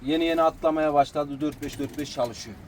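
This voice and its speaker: A brisk man with a higher voice and fairly even intonation, a pigeon breeder, goes through his birds one at a time outdoors next to the coop. He talks informally, in a matter-of-fact and respectful way. The recording is noisy, with pigeons cooing and outdoor sounds all around.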